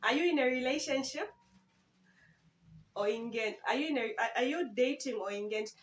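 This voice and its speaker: A young woman in her twenties from Zambia talks casually to her viewers in a Q and A vlog. Her voice sits high, and her talk is playful and full of giggles. It sounds recorded on a camera phone. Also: normal speed, low-quality recording. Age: 20s. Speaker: YouTuber.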